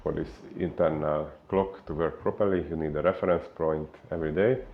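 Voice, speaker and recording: A man from Hungary with a Hungarian accent, a fitness coach giving an unhurried explainer talk full of filler pauses. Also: rumbling low, steady tone, phone-quality sound, a little hiss or hum.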